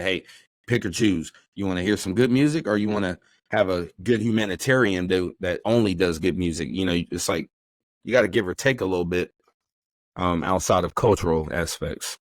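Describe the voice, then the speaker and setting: Man, podcast chat, lowish voice, rambling, animated, dry close sound. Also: fairly quick, no room sound. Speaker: podcast co-host. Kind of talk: casual podcast conversation.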